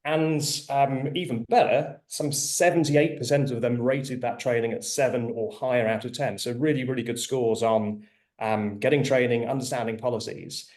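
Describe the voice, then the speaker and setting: A man hosts an online panel in an informal way. His voice is medium in pitch. He talks haltingly, with many fillers as he moves from point to point. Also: steady tone, darkish tone. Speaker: webinar moderator.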